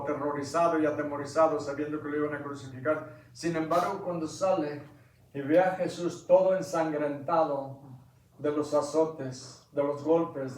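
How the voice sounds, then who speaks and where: Impassioned preacher, echoey distant church. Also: male voice, a little high, slight background noise. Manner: impassioned, quizzes the congregation, builds to loud climaxes. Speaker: pastor. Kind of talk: sermon with Bible reading. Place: church sanctuary.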